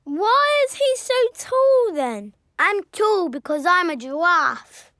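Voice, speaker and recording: A performer playing an excitable little animal child in a children's cartoon, with music behind. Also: very high-pitched, takes it slowly, dry recording, clean studio sound, full character voice. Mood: excited, curious. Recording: music bed behind voices.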